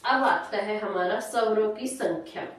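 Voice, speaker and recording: Woman teaching hindi grammar slow and drawn out, repeats stuff, quizzes the class. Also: medium pitch, a little hiss or hum. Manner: asks questions and answers them herself; drawn-out syllables, repeats points. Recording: echoey room, voice from far off.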